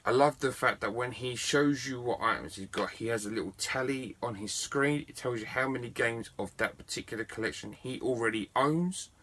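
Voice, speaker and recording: Chatty man with a bright voice. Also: medium pitch, normal speed, hardly any pauses. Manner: chatty and enthusiastic, self-mocking. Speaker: video game collector vlogger. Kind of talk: casual storytelling to camera.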